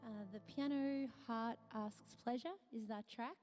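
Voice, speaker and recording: Slightly husky woman with added reverb. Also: a little high, a little slow, darkish tone, faint music behind. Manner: chatty, thanks viewers and restarts phrases. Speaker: livestreaming singer. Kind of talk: casual livestream chat. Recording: voice with long added reverb tail.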